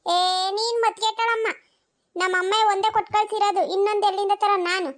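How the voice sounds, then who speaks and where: A performer doing a squeaky, shifty village neighbor woman. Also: little pitch movement, a little fast. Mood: evasive. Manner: evasive, mutters asides. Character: sly village neighbor woman, evasive and stingy. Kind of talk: cartoon voice acting.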